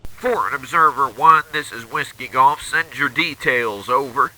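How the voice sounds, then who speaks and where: A man voicing an artillery radio operator, heard as a field radio transmission, answering in measured, formal radio procedure. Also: mid-range voice, sharp tone, poor audio. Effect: military field radio transmission.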